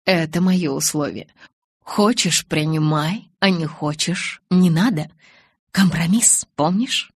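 A woman reading an audiobook, voicing a calm, teasing young male vampire who speaks slowly and softly. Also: slightly rough, dry recording, full character voice. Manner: slow, low, soft-spoken.

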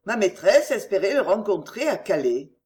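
A courteous English gentleman in disguise as a lackey, as a reader puts him on, polite and firm with a quick flash of gruffness. The voice stays close to the narration and moves with a lively pitch. It is a storybook reading.

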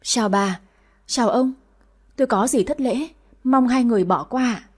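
A woman voicing a humble, middle-aged country mother in an audio story, speaking gently and hesitantly in a husky voice. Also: fairly high pitch, moderate pace.

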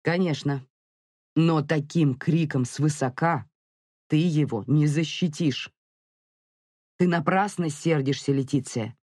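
Audiobook figure, narrator playing a young father, stern, calm, commanding. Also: medium pitch, no echo, clean studio sound. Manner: firm, commanding, measured. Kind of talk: audiobook character reading.

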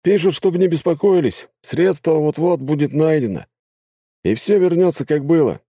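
A man's voice: on the high side, moderate pace, dark tone, slightly rough, dry recording, clean studio sound, pitched above the performer's own voice. A male narrator voicing a down-to-earth adult male conscript who talks in casual, blunt banter. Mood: chatty. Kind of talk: audiobook narration with voices.

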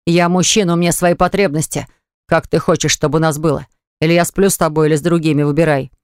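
A woman voicing a pushy, demanding young man who speaks bluntly and insistently, lower than her own voice. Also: steady tone, fast talker, darkish tone, clear, resonant tone, no room sound, studio quality, natural voice. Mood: annoyed.

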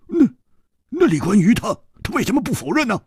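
A male storyteller voicing a boisterous, loud swordsman who shouts and laughs in high excited outbursts. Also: fairly quick, slightly rough, no echo, clean studio sound, heavily acted.

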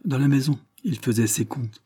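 Male reader doing a sly young farmhand, stubborn, dark and slightly raised. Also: mid-range voice, normal speed, breathy edge, pitched above the performer's own voice, natural voice. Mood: evasive.

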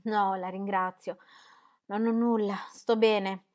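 A woman's voice: medium pitch, steady tone, slow, a little mellow, natural voice. A woman reading aloud and voicing a desperate young woman, her speech urgent and close to tears. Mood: distraught. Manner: urgent, breaking, tearful. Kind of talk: audiobook reading.

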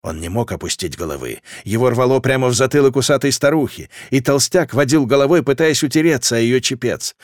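A man narrating a fantasy audiobook in a measured, dramatic reading. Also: medium pitch, expressive, dry recording, clean studio sound.

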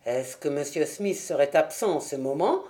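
Brief: woman playing a grave, quiet male detective, pitched down, unhurried. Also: lively intonation. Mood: diplomatic. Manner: measured and low. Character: calm, shrewd male detective.

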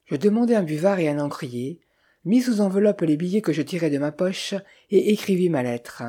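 A steady audiobook reading of an old detective novel, told in the first person. The voice is mellow and dark in tone, with a husky texture. The pitch sits in a middle range, and the delivery stays measured. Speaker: audiobook narrator. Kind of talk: scripted first-person narration.

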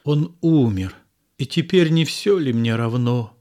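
A man reading a play aloud and voicing a passionate young noblewoman, pleading and tearful with a raised pitch. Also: animated, measured pace, darkish tone. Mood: grieving.

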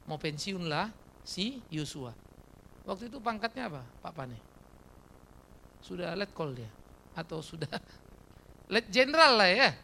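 Gravelly, animated male preacher. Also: high voice, slight background noise. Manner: animated, rhetorical questions, slangy asides. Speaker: pastor. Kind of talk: sermon.

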